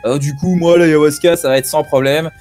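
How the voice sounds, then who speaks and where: A man's voice: fairly high pitch, fairly even intonation, moderate pace, a little mellow, soft background music. A man in a casual group discussion over a call, rambling with lots of fillers and asides. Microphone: computer on a call.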